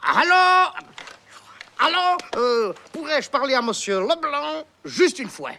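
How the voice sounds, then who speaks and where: A naive, bumbling comic fool. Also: male voice, high voice, sing-song, fairly quick, gravelly, a bit bright, full character voice. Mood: bluffing. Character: naive, bumbling, cheerful middle-aged man. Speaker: film character. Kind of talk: film comedy acting.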